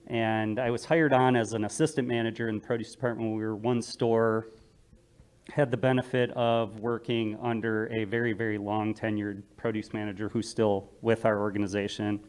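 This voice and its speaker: An American man speaking through a face mask, explaining his work on a panel in a halting, measured way. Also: lowish voice, a little mellow, smooth. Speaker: produce manager, panelist.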